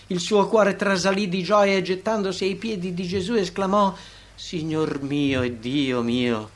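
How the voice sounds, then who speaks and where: Man narrating a devotional text. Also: on the high side.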